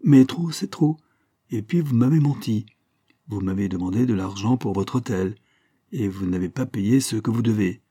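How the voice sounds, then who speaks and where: A man's voice: lowish voice, moderate pace, warm tone, breathy edge, no echo, clean studio sound. A man voicing a plump, scheming German businessman who talks brusquely and impatiently in an audiobook. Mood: scolding.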